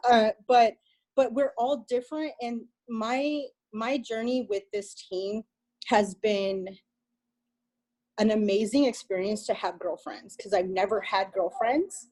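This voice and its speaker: Woman coach, emotional testimony, rambling and excitable, higher voice, video-call mic. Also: takes it slowly, poor audio. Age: adult mother. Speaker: fitness coach sharing her story.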